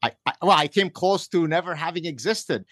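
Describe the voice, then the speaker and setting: A man's voice: fairly high pitch, expressive, brisk, fairly bright tone, no room sound, studio quality. A middle-aged man from Lebanon, a guest author, telling stories in an earnest, wry way with frequent restarts. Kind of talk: conversational storytelling.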